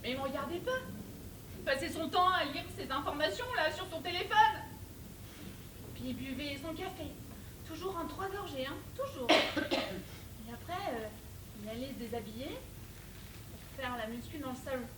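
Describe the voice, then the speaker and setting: A woman's voice: sits high, normal speed, long pauses. A woman playing a dramatic, lovelorn lonely woman. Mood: confiding. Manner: animated, swings from confiding to outbursts. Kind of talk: short film acting. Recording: roomy bar, distant mic, faint noise.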